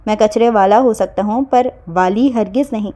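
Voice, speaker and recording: A woman's voice: medium pitch, dark tone, close to an everyday voice. A woman voicing a domineering young man who speaks coolly and firmly. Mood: teasing. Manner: cool, firm, commanding.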